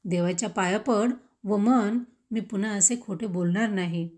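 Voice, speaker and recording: A woman's voice: medium pitch, normal speed, darkish tone, close to an everyday voice. A woman voicing a stern, loving village mother who firmly scolds her son in a read-aloud story.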